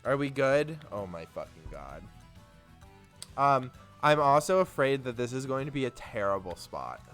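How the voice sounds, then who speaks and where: A man's voice: mid-range voice, very animated, moderate pace, fairly bright tone, soft background music. A young man streaming a game, chatting casually and rambling through a story while swearing freely. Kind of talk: casual chat while gaming.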